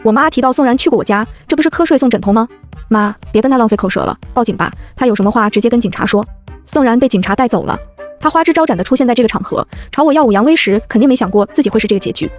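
A woman narrates a web novel at a very fast clip with a wry, brisk delivery. Her voice sits fairly high, and soft background music runs under the reading. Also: expressive. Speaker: audiobook narrator. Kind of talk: first-person novel narration.

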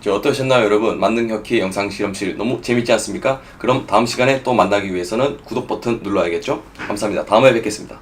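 A man's voice: on the low side, very fast, few pauses, faint music behind. A man hosting an online challenge video, addressing viewers politely with rhetorical questions. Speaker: video host. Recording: clearly noisy recording.

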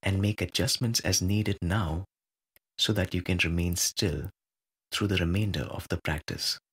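Soothing instructions come in short phrases from a man leading a guided meditation, each followed by a long pause. His voice is low, creaky and husky, his manner calm and measured.

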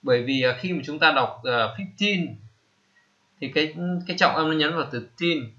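A man, teaching vocabulary slowly, repeating each term and pausing with many fillers. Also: a little high, sharp tone, dull audio. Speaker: English teacher. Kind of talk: screen-recorded lesson.

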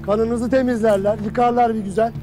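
An actor playing a harsh, furious army captain who lectures his soldiers in a stern, repetitive harangue that swings into shouting. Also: very high-pitched, fairly even intonation, fairly quick, over music. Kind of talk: film acting.

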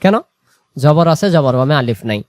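A man teaching Quran reading, drawing out example words slowly and then explaining quickly, asking and answering his own questions. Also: mid-range voice, expressive, no room sound. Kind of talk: explanatory lesson.

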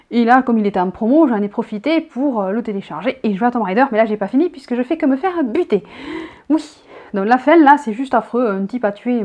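Recorded indoors in her bedroom with lo-fi sound, this southern French woman in her thirties has a fairly high-pitched voice. Her vlog is casual and rambling, and she reads every tag question out loud.

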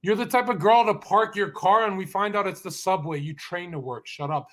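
Brash high-voiced man trash-talking. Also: brisk, fairly bright tone. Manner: brash, boastful trash talk. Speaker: stream guest. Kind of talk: casual group stream banter.

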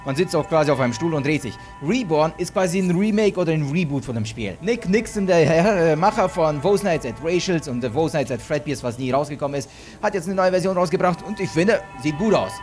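Excitable man narrating a horror game. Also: a little high, fairly quick, soft background music. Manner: excitable, swearing, shrieks when scared. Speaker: let's play host. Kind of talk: gaming commentary.

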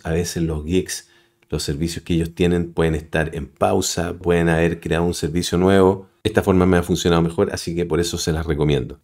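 A man's voice: deep voice, a little mellow. A man hosting a screen-recorded web tutorial, explaining step by step and addressing his viewers directly. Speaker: tutorial host. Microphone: voice-over on a screen recording.

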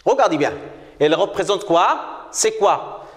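A man teaching a primary school reading lesson, repeating words slowly and praising often. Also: high-pitched, expressive. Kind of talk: slow classroom reading lesson. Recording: roomy echo with long reverb.

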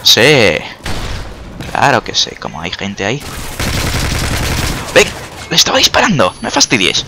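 A man's voice: fairly low pitch, pushed and bright, a little hiss or hum. A young man from Spain with a Spanish accent, chatty and sarcastic as he comments on his own gameplay, yelping at the game now and then. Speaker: gaming YouTuber. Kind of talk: let's-play commentary. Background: faint game gunfire.

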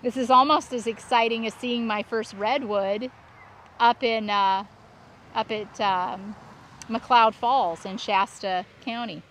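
Excited gushy lady doing a casual vlog tour outside, highish voice, bit of background noise. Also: takes it slowly. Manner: excited, gushing, exclamatory. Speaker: landscape designer hosting a plant tour. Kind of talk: casual walk-through vlog narration. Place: outdoors at a plant nursery. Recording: outdoor ambient and vehicle noise.

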